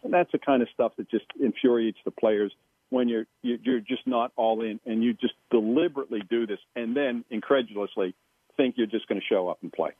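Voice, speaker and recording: A man's voice: mid-range voice, sing-song, brisk, gravelly, breathy edge, dry recording. A male radio guest explaining, frustrated, in sports talk over a phone line.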